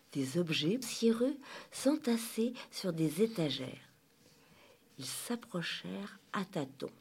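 Slow, husky woman reading a tale. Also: lowish voice. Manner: lively, dramatic narration. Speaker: storyteller. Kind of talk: expressive children's story reading.

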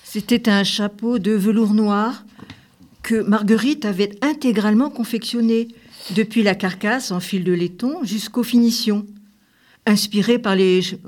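A woman narrating a storybook. Her reading is gentle and measured, with a mid-range voice. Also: mid-range voice.

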